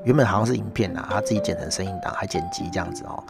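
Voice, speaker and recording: Gravelly, mocking middle-aged Taiwanese man. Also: deep voice, very fast, loud music behind the voice. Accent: Taiwanese Mandarin. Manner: sarcastic, mocking rant with constant tag particles. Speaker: podcast host. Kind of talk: casual monologue.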